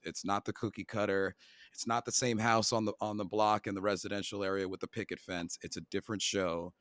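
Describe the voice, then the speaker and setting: Deep-voiced man on a casual podcast. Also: a bit bright, no echo, studio quality. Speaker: podcast co-host. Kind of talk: casual chat.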